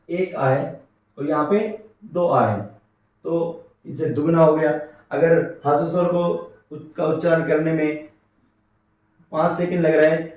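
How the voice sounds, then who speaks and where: A man's voice: a little high, darkish tone. A man teaching a grammar class, repeating key terms and asking his students rhetorical questions. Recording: very echoey room, mic set far off.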